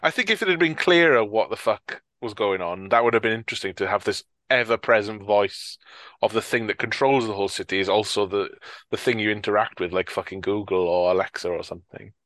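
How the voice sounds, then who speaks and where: A man's voice: fairly low pitch, a little fast, a bit bright, no room sound. Rambling man with a dry sound. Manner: rambling, swears freely, trails off mid-sentence. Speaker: podcast co-host. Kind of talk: casual film discussion.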